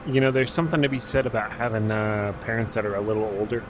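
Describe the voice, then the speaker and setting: A man in his thirties talks in a low, easygoing voice, drifting from thought to thought with plenty of ums and restarts. A steady hum sits clearly under his speech. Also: fast talker. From Alaska. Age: 30s. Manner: rambling, laid-back, many fillers and restarts. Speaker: gaming streamer. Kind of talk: casual live-stream chat while playing.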